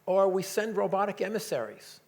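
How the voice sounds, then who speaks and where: A man's voice: sits high, big pitch swings, fairly quick. A man giving a public science talk, enthusiastic and joking, with frequent hesitations. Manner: enthusiastic, joking, with many fillers. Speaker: lecturer.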